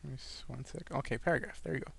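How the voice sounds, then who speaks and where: A man's voice: medium pitch, rapid-fire, gravelly, noisy background. A man presenting an informal screencast tutorial, slightly wheezy and breathing a little hard as he talks through each step. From California, where he lives. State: breathing a little hard after an asthma attack. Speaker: online marketing tutorial presenter.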